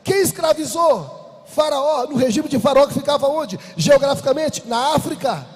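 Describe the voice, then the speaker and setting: Brazilian man, very high voice, fiery stage speech with rhetorical questions, long hall reverb. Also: animated, moderate pace. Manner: emphatic, rhetorical questions, sing-song rises. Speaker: conference speaker. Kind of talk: impassioned speech. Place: conference hall.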